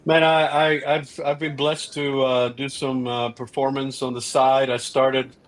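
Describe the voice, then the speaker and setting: This podcast guest is a middle-aged man talking through his views in a casual interview, earnest and animated, frequently restarting and leaning on filler words. He speaks a little slowly at a normal, mid-range pitch.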